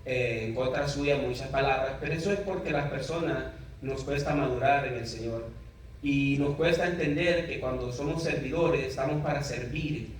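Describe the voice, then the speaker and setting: A man's voice: mid-range voice, moderate pace. A man interviewing a pastor, reflecting earnestly in a preacherly way. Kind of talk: church interview, reflective comments. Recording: very echoey room, voice from far off, faint noise.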